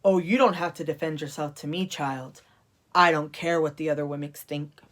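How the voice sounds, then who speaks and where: A woman voicing a large, kindly bearded male woodcarver in a storybook, speaking gently, slowly and thoughtfully. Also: deep voice, fairly even intonation, pitched below the performer's own voice, lightly acted. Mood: tender, reassuring.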